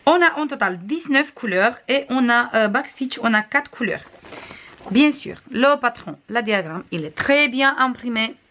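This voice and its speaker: A woman crafts vlogger with a non-native accent, casually reviewing and showing items to the camera, often pausing with hesitations. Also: a little high, expressive, a bit bright, slight background noise. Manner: chatty, frequent hesitations, shows items to camera.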